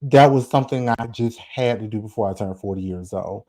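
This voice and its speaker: A man's voice: lowish voice, brisk, dark tone. A forty-year-old man giving casual commentary on a vlog, chatty and full of asides, talking straight to his viewers. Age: 40s. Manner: chatty, talks straight to viewers, frequent asides and rhetorical "okay?". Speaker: celebrity gossip vlogger.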